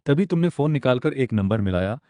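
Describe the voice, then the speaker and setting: A man narrating a comic-style story recap in a steady, dramatic storytelling manner. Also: mid-range voice, a little fast, dry recording.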